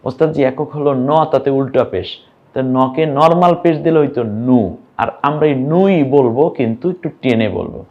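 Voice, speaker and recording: A man's voice: medium pitch, highs cut off. Patient male teacher drawing out syllables. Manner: patient, drawn-out syllables, quizzing the viewer. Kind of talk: online lesson on reading Arabic vowel marks.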